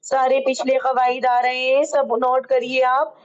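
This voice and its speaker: A woman teaching how to read Quranic script, explaining each rule slowly and patiently and drawing out the words she recites. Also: high-pitched, completely flat delivery, lo-fi sound. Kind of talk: online Quran reading lesson.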